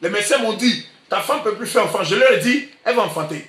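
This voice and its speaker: A male pastor with an Ivorian French accent, preaching emphatically and repeating himself, sometimes breaking into shouts. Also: sits high, expressive, quick pace, far from the mic. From Côte d'Ivoire. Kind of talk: sermon. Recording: echoey room, voice from afar.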